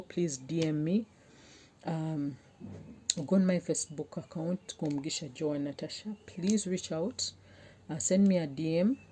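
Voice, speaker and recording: Earnest low-voiced young woman. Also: mellow, slight background noise. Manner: earnest, pleading, heartfelt. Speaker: vlogger giving relationship advice. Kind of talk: personal talk to camera.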